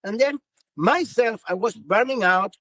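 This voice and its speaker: A Cuban physician in his fifties, whose native tongue is Spanish and who carries a Cuban Spanish accent, is interviewed on a podcast and answers earnestly with lots of restarts. He speaks a little slowly in a high voice with lively intonation. The sound is a bit bright with no room sound.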